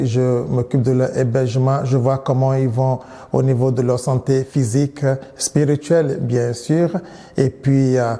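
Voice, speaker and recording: A priest in his thirties, from Nigeria, answers interview questions in a very dark, mellow voice. He speaks in a measured way and often restarts or repeats words. The sound carries a long reverb, as if recorded in a large hall. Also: medium pitch, creaky.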